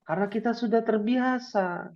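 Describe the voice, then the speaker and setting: A man's voice: high voice, moderate pace, a little mellow. A man leads an interactive Quran reading class, speaking with a slight tinge. He keeps firing playful questions at his students. The audio is dull and lo-fi. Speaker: Quran and Arabic teacher.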